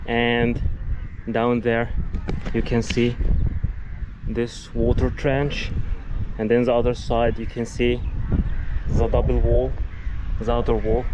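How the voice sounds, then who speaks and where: Man narrating over loud outdoor noise. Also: medium pitch, level tone, slow pace, pauses often. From Egypt. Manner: explains step by step, friendly and chatty. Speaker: travel vlogger. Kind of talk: casual walking tour narration. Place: outdoors on an old fort tower.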